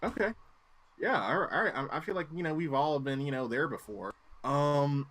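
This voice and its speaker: A man's voice: on the high side, moderate pace, fairly bright tone. A man in his late twenties co-hosting a podcast, chatting casually with wry, crude jokes. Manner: wry, joking, profane. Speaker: podcast co-host. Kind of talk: casual chat.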